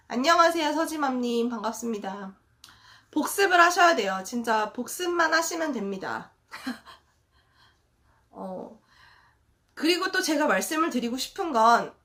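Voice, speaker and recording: A woman's voice: high voice, fairly bright tone. A woman who is an English teacher and a mother, chatting directly to viewers on a live stream and mixing English words into her tips.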